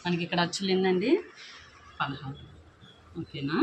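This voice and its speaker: A woman's voice: fairly low pitch, moderate pace, dull audio, a little hiss or hum. A woman teaching the Telugu alphabet, patiently explaining pronunciation, mixing in English words and often checking with "okay?".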